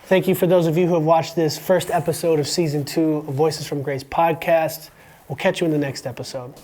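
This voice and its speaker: Quizzing a student on a school podcast, this Romanian-born host speaks with an American accent and keeps things casual, upbeat and encouraging with little jokes along the way. He sounds fairly high-pitched and darkish in tone, steady and a little fast.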